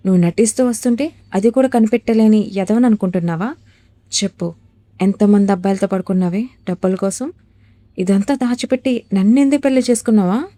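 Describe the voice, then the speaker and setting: A woman's voice: medium pitch, fairly quick, no room sound, natural voice. A woman voicing a furious, sneering young husband. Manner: shouting, sneering insults. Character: furious jealous young husband, harsh and cruel.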